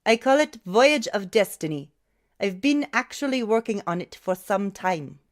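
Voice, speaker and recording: A woman reading an audiobook, voicing a self-assured male conductor who grew up in Germany, in a measured way. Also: medium pitch, big pitch swings. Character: composer and orchestra conductor, man.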